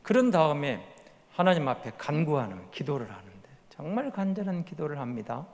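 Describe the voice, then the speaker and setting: Pastor guy w a high voice preaching, goes from quiet to loud and urgent, big church echo. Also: sing-song, fairly quick. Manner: earnest preaching that swings from hushed to loud pleading. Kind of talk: sermon. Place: church sanctuary. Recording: long reverb of a church hall.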